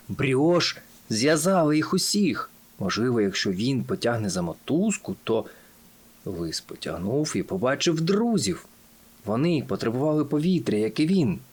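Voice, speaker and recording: A man reading a children's audiobook aloud in an animated, expressive storytelling manner. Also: medium pitch, breathy edge. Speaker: audiobook narrator.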